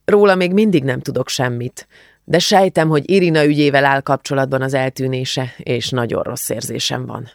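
Audiobook figure: male narrator doing a knowing young woman friend, matter-of-fact, gravelly tone. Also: mid-range voice, no room sound, studio quality, close to an everyday voice. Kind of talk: audiobook character voice.

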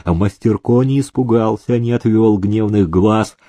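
Male narrator, slow, mellow dark voice, dry sound, measured storytelling. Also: on the low side, no echo. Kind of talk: audiobook reading.

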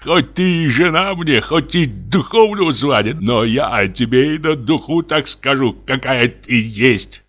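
A man reading an audiobook and voicing a superstitious peasant sexton who mutters hoarse, tearful accusations at his wife. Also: mid-range voice, lively intonation, measured pace, few pauses, fairly bright tone, pitched above the performer's own voice. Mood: accusing.

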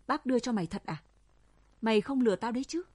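A woman reading a storybook voices a frightened young village man of twenty who refuses bluntly, with a husky voice. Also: fairly high pitch, quick pace, darkish tone, no echo. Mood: doubtful.

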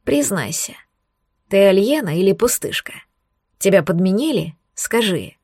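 A woman voicing a domineering young male werewolf in an audiobook, speaking low, hushed and slow. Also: sing-song, slightly rough, no echo, studio quality, full character voice. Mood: menacing. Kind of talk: audiobook character voice.

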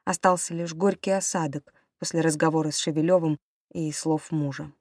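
A woman reading a novel aloud in the first person, as a steady audiobook narrator. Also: sits low, moderate pace, dry recording, clean studio sound.

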